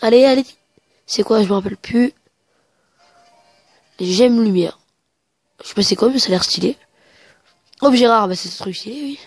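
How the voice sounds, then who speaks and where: A higher-pitched woman chats her way through a video game, stumbling over words and reading the characters' lines aloud. She sounds sniffly from a cold, and her headset mic gives a dry, close sound with no room around it. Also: normal speed, pauses often, no echo, soft background music. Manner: chatty, hesitant, reads in-game dialogue aloud. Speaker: let's play gamer. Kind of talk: casual game commentary.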